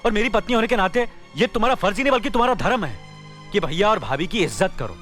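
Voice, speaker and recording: Earnest young brother Arjun. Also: male voice, sits high, expressive, quick pace, a bit bright, faint music behind. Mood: stern. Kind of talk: 1990s Hindi film dialogue.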